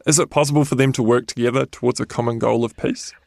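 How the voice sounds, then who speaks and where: A man interviewing a guest, asking questions in a measured, thoughtful way. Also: medium pitch, fairly even intonation, creaky, darkish tone. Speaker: podcast producer and interviewer.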